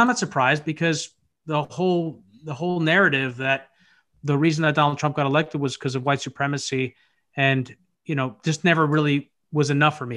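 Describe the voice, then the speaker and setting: A man's voice: a little high, fairly bright tone. Man talking thoughtfully on a video call. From United States. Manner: thoughtful, searching, frequent restarts. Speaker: podcast host appearing as guest. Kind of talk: casual interview conversation.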